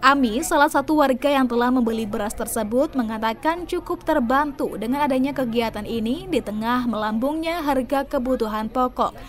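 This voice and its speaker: A woman reading a scripted local television news report in a formal, even newsreader manner. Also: high voice, normal speed, few pauses. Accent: Indonesian. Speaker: news presenter.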